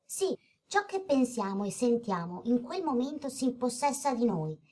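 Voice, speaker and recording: Woman doing a kind young girl, high and lively. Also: moderate pace, slight background noise. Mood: calm. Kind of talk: children's audio story acting.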